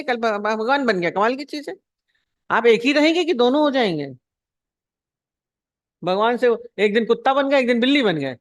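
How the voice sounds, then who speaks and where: A woman's voice: a little high, no room sound, clean studio sound. A woman spiritual teacher giving a devotional discourse. She asks rhetorical questions, repeats her points and acts out short anecdotes.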